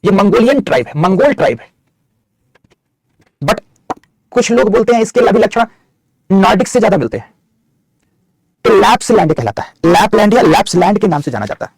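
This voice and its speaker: Fast, husky teacher dictating notes. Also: male voice, high-pitched, big pitch swings, a little mellow, dry recording. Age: middle-aged. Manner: addresses students as beta, reads live chat questions, dictates notes. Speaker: geography teacher. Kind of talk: online map lecture.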